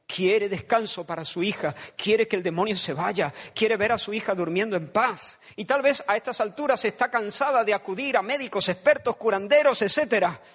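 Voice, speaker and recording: A man's voice: sits high, normal speed, few pauses, a bit bright, husky. A man from preaching a sermon, dramatic and emphatic, repeating phrases and acting out voices from the story.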